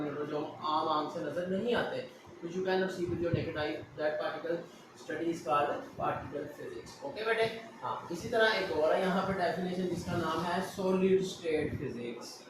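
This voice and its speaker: Man, physics lesson, patient explainer, heavy room echo, audible background noise. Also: a little high. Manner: explanatory, repeats checks like "okay, beta", slows down for English definitions. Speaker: physics teacher. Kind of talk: classroom lecture mixing Hindi-Urdu and English. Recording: echoey room, distant mic, noisy.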